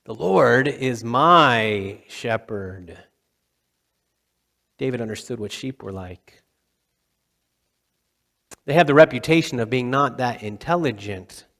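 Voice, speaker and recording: A male pastor preaching a sermon in a conversational way, with dramatic pauses, now and then acting out the quotes. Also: medium pitch, animated. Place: church sanctuary. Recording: long hall reverb.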